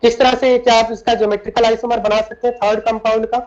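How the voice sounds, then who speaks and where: A man's voice: extremely high pitch, flat delivery, fast talker. A man teaching chemistry in a lecture, switching between Hindi and English, explaining step by step and often asking his students questions. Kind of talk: classroom lecture. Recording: dull lo-fi recording.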